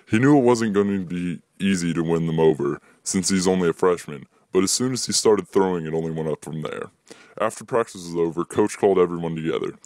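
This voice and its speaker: A man's voice: darkish tone, no room sound. A young man reading his own short story aloud, lifting his voice for the dialogue. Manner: plain reading, voices dialogue with higher pitch.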